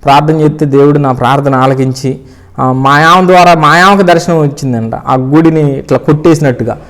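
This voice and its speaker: A middle-aged man gives his faith testimony in an earnest, storytelling way. His voice sits fairly high for a man. He often acts out the pleading prayers he once said. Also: fairly quick, a bit bright. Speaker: church member giving testimony.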